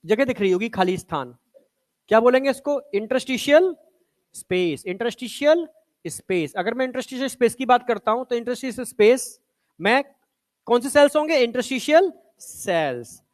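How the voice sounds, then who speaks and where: A man's voice: very high voice, brisk. Male teacher. Coaxing classroom lecture where he quizzes the students. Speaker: biology teacher.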